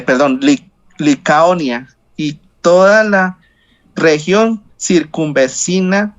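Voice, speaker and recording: A man reading scripture aloud in a Bible study over a video call, slow and halting, with slips he corrects. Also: fairly high pitch, dull audio.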